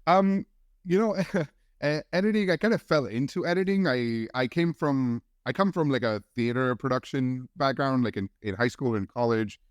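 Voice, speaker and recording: A man in his forties, originally from India, talks casually as a podcast guest. His voice is smooth and resonant, sits at a middle pitch, and is recorded close and dry. He tells his story loosely, doubling back and restarting often. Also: normal speed, no echo. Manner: relaxed storytelling with many restarts and fillers. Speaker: guest film editor.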